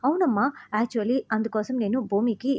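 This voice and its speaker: A woman's voice: fairly high pitch, moderate pace, husky, muffled recording. A woman reading the lines of a playful, evasive young husband. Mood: teasing.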